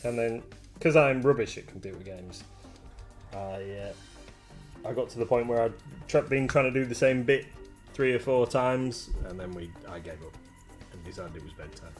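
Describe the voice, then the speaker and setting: A man's voice: mid-range voice, normal speed, soft background music. A man chatting casually as host of a live stream, hesitant and self-deprecating, with lots of fillers. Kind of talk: casual chat. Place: home streaming room.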